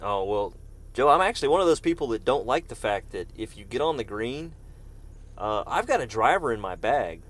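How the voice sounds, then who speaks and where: With a mid-range, slightly bright voice, a very animated gaming streamer talks at a normal speed while playing. He chats with viewers by name in a casual way, interrupted periodically by coughing fits.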